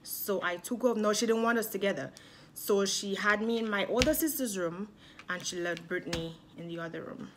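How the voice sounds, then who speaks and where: A young woman from Dominica with a Dominican accent, telling a personal story to her viewers in a chatty, animated vlog. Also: mid-range voice, normal speed, noisy background. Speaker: vlogger.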